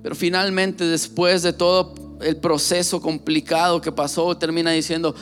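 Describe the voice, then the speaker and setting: A man's voice: fairly high pitch, flat delivery, moderate pace, a bit bright, faint music behind. A male pastor preaching a sermon with passion, speaking straight to the listener and repeating phrases for emphasis.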